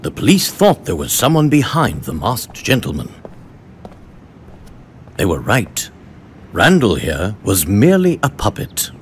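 A man with an English accent playing a composed, courteous gentleman professor in an animated game. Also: fairly low pitch, slight background noise, full character voice. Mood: firm, explaining. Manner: measured, courteous, earnest. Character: composed, gentlemanly adult male professor and detective. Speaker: voice actor. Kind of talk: animated game cutscene acting. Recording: loud orchestral music behind.

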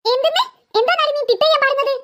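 A woman's voice: extremely high pitch, fast talker, fairly bright tone. A woman voicing a short-tempered cartoon mother who scolds her daughters sharply. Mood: scolding. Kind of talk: cartoon voice acting.

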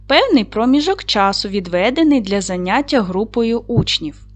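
A woman teacher giving a reading lesson to young children, with a clear, encouraging manner that leads them through questions. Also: medium pitch. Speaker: primary school teacher.

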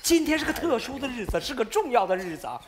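An eager old grandpa-to-be. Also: male voice, very high voice, quick pace, a crowd in the background. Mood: excited. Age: older. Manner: loud, excited comic delivery. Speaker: sitcom character. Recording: studio audience laughter behind.

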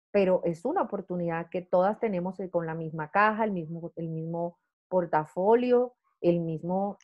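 A woman, a sales director coaching consultants in an online training talk, lively and chatty, checking in with "¿verdad?" and "¿sí?". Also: lowish voice, lo-fi sound.

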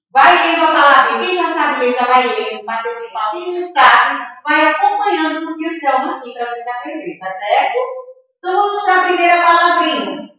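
A woman teaching a remote first-grade reading lesson to young children, sounding out words slowly, syllable by syllable, in a drawn-out sing-song way, recorded from a distant camera mic in an echoey room. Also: on the high side, bright, forceful tone, highs cut off. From Brazil.

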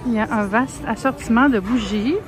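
A woman's voice: on the high side, fairly quick, rough recording. A young woman with a Québécois French accent chatting casually as she films herself browsing a big grocery store on her phone. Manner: chatty, lots of fillers, soft asides. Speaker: vlogger. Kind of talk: casual shop-with-me narration. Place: large grocery store, indoors. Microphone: handheld phone camera. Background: faint store music.

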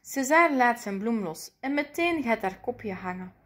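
A woman reading a children's picture book aloud, lively and playful. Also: a little high, a little slow. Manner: lively, playful voices for the characters. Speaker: storybook reader.

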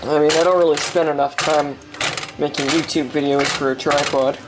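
This very noisy clip, captured on a handheld camera mic, has a young man rambling as he cooks at home while music plays in the kitchen. His slightly high voice stays level at a normal pace, full of fillers and the odd curse.

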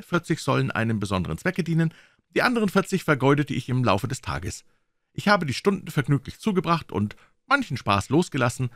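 A man voicing a bitter, desperate young man who breaks into high, overwrought outbursts. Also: fairly bright tone, no room sound, studio quality.

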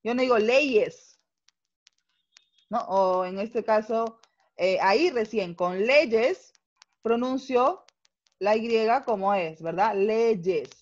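A woman teacher with a Peruvian Spanish accent talks slowly and deliberately, stopping often to check that her students follow. Her voice comes through muffled, lo-fi video call audio. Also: medium pitch, a little mellow. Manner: patient, explanatory, checks understanding with tag questions. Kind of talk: online class lecture.

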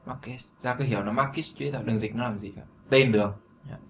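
A chatty man with a Vietnamese accent walks beginners through an English lesson, repeating key words and throwing in asides. His voice sits at an ordinary middle pitch. The recording is roomy and echoey, with a faint hiss behind him. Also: fast talker, fairly bright tone. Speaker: English teacher. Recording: echoey room with faint noise.

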